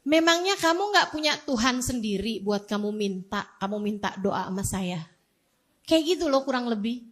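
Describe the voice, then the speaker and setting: A woman in her forties, an Indonesian preacher, telling a personal story in a lively, self-mocking way. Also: a little high, normal speed. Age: 40s. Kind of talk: storytelling religious talk.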